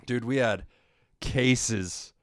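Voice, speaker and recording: A man's voice: medium pitch, extremely slow, clean tone, dry recording. Crude joking man on a dry mic. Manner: joking, crude, laughs often. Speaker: podcast co-host. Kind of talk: casual podcast banter.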